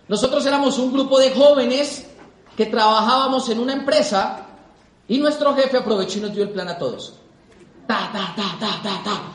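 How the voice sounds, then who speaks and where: A young man speaks to a live audience in an animated seminar style, repeating his points for emphasis. His voice sits very high for a man. The sound rings in an echoey hall. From Colombia. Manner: animated, repeats for emphasis, acts out quoted people. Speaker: motivational speaker.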